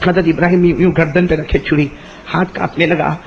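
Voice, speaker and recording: A man preaching a sermon, telling a story in an animated way and calling out questions for the audience to answer. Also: fairly high pitch, vocal fry, dull audio, a little hiss or hum. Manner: chants Arabic verses in a drawn-out melodic recitation. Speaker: Islamic preacher.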